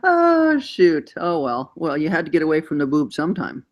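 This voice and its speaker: A woman's voice: sits low, wildly swooping pitch, normal speed. A woman hosting a casual chat show, playful and teasing, laughing often between remarks. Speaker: host.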